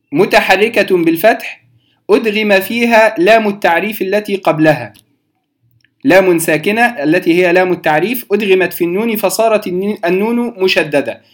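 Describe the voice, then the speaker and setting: A man explaining recitation rules to beginners, patient and direct with his listeners, repeating key terms slowly. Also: sits high. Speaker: Quran recitation teacher.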